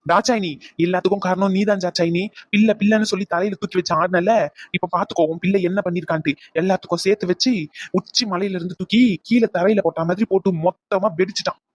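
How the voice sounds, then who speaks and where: A woman's voice: on the low side, steady tone, fast talker, darkish tone, no echo, lightly acted. A woman voicing a stern middle-aged husband and father who speaks bluntly, in a cartoon. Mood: scolding. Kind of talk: animated cartoon voice acting.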